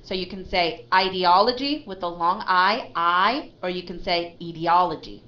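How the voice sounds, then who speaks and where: A woman's voice: lowish voice, level tone, moderate pace. A woman teaching an online English lesson, patiently correcting a student's pronunciation. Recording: slightly dull lo-fi online audio.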